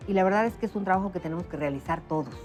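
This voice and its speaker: A woman's voice: on the low side, racing, darkish tone, faint music behind. A woman, hosting a talk show interview and asking long, rambling, conversational questions. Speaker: interview host.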